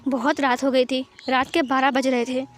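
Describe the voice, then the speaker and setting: A woman narrating a fan story in a high, bright voice. She tells it in a plain, steady way, dropping English words into her sentences. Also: moderate pace, faint music behind. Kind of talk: retelling a fan story aloud.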